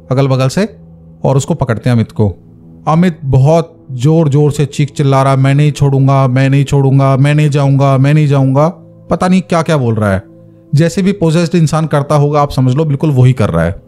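A man's voice: medium pitch, warm tone. A man narrating a horror story in a casual, conversational way, stopping to explain with asides.

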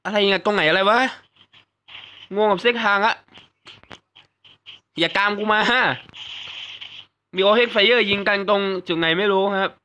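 A young man giving casual, excitable live commentary over a battle royale game, swearing freely and yelping at surprises. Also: high voice, unhurried, long pauses. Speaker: gaming YouTuber. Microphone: desk mic at home, fan noise behind.

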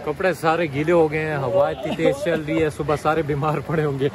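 A young man from Pakistan filming a casual travel vlog on a phone held at arm's length, chatting excitably outdoors on a trail and by a waterfall. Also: on the high side, a little fast, music in the background. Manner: chatty, excitable, often laughing. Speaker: vlogger.

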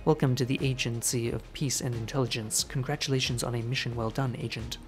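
A man voicing a polite male robot receptionist in a video game, reading the lines in a flat announcing tone. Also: medium pitch, fairly quick, soft background music, lightly acted. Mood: formal.

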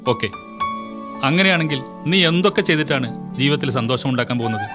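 An actor playing an earnest elder brother who gives his sister a long, measured lecture in a home movie. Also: mid-range voice, lively intonation, over music, close to an everyday voice. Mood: stern.

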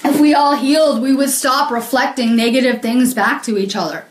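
A woman's voice: sits high, moderate pace, roomy sound, a little hiss or hum. A woman healer talking casually to viewers on a live video, earnest and rambling with many ums and frequent laughs.

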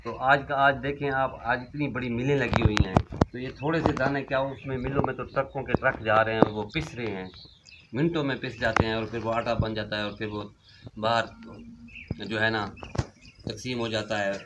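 A man's voice: medium pitch, little pitch movement, moderate pace. Middle-aged man, village vlog host, chatty, reflective, outdoor courtyard, birds behind, noisy recording. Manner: chatty, reflective, many fillers. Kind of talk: casual family vlog talk. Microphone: camera at a few meters. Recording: outdoor recording with background noise.

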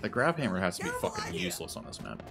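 Low-voiced gamer man in loud game audio. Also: sing-song, racing, gravelly. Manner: swearing, laid-back, self-mocking. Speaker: gamer on a live stream. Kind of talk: casual gaming banter. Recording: game music and gunfire behind.

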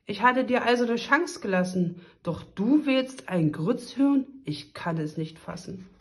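Eine Frau spielt eine kleine, schimpfende Hexe. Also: female voice, a little high, lively intonation. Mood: scolding. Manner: slow, drawn-out, scolding. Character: small scolding witch.

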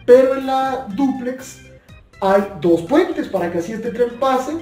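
Speaking slowly in an extremely high, slightly mellow voice, a young man hosts an earnest, informal YouTube tutorial on two-way radios. He keeps coming back to his points and phrasing them differently. He sits at a table in a small, bare room, and the recording is echoey, with a distant mic and faint music.

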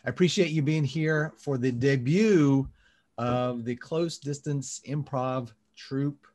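A man hosting a live online comedy show, speaking in a relaxed way with many fillers, over a video call. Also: medium pitch, slow pace. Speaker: host.

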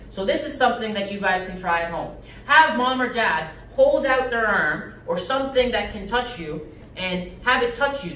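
A young man teaching a children's karate class, giving sharp, clipped martial arts commands. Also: high-pitched. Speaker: karate instructor. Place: mid-sized indoor karate studio with matted floor. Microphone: distant camera. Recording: roomy, distant microphone, background noise.

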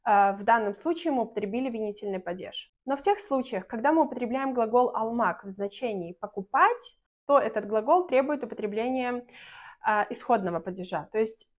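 A young woman from Belarus explains a language lesson straight to the camera. Her slightly high voice stays clear and patient. She talks from close range in a small indoor room. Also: animated. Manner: clear, patient, slows down to model example sentences. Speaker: Turkish language teacher.

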